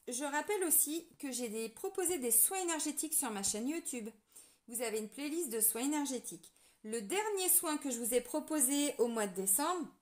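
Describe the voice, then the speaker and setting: A woman's voice: high voice, darkish tone. A woman tarot card reader and energy healer, talking casually and earnestly to her viewers, full of fillers and tag words.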